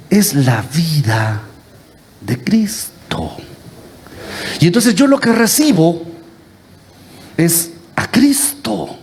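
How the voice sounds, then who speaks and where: A Guatemalan priest with a slightly high, gravelly, darkish voice delivers a lively, interactive homily in church, speaking Guatemalan Spanish. He teases his congregation and quizzes them with the same question again and again.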